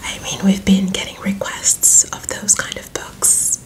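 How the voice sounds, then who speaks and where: A young woman performs a whispered role-play as a friendly librarian. She keeps to a soft library whisper at a very slow, unhurried pace, helpful and gentle in how she guides the listener. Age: young adult. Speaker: ASMR performer playing a librarian. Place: small indoor room with bookshelves.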